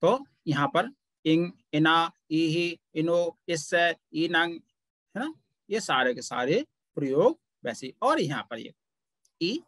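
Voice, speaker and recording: A man teaching a Pali grammar class, explaining patiently and pausing often to point things out. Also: on the high side, a bit bright, no room sound. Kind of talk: online grammar lesson.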